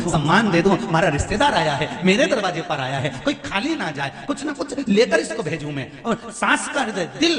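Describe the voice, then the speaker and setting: A man preaching a devotional sermon in a folksy, sing-song storytelling way, swinging between soft asides and loud exhortations. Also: fairly high pitch. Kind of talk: devotional sermon to a large gathering. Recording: echoey hall with faint music.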